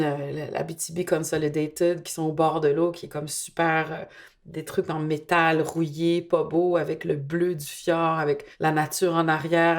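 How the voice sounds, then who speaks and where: A woman's voice: sits low, darkish tone. Woman in her fifties, Montreal accent. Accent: Montreal Quebec French. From Quebec. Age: 50s. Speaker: interviewee. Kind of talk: reflective documentary interview.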